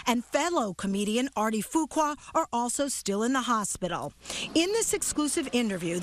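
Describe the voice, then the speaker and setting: A woman narrating a scripted television news report as a reporter. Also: sits high.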